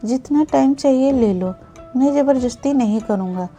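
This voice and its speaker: A woman voicing a young husband in a spoken storybook, talking plainly and reassuringly, without a deep man's voice. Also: moderate pace, dark tone, faint music behind, natural voice. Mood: gentle. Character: young husband, patient then frustrated.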